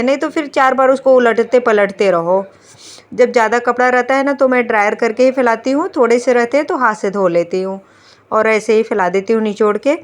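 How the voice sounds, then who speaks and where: A woman in her thirties narrating her home vlog in a chatty, homely way, talking to viewers as friends. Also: fairly high pitch. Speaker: vlogger, homemaker. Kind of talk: casual voice-over home vlog.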